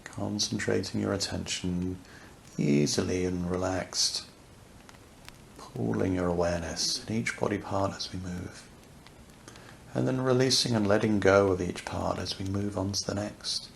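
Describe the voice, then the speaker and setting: A man leads a guided yoga nidra session for deep relaxation, his low voice heavy with gravelly creak. He speaks softly and unhurriedly, leaving long pauses between short, soothing phrases, over a faint crackling fireplace ambience.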